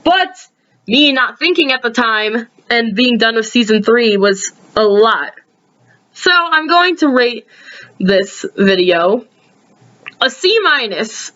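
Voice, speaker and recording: A woman casually rambling through reviews of her own videos, sleepy and yawning, with lots of ums and sudden jumps in pitch. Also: lively intonation, measured pace, a bit bright, lo-fi sound.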